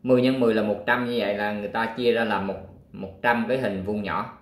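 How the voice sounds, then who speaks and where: A man teaching a math lesson, working through a worksheet, counting aloud step by step and pausing with fillers. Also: fairly low pitch, fairly even intonation, reverberant.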